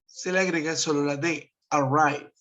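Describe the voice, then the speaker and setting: A man's voice: sits high, slow pace, fairly bright tone. A man, teaching an online English grammar lesson, explaining step by step and checking in with his students. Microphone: web conference computer mic. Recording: dull lo-fi web call audio.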